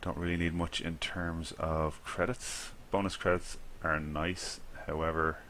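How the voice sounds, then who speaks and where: Flat in delivery and a little slow, a man's low, fairly bright voice comes through with a little hiss or hum. He's an Irish gaming video creator chatting casually to himself as he plays, rambling and laughing at his own slip-ups.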